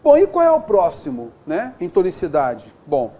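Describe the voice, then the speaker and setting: A man with a Brazilian Portuguese accent teaching a grammar lesson, talking straight to his students and stretching out the example words slowly. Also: high voice, slight background noise. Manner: animated, drawing out example words slowly, addressing students directly. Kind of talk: lively classroom-style lesson.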